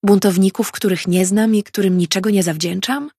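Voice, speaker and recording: A woman's voice: medium pitch, fairly even intonation, normal speed, dark tone, slightly rough, no echo, studio quality. Defiant young woman, read by a narrator. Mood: arguing. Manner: pleading, arguing.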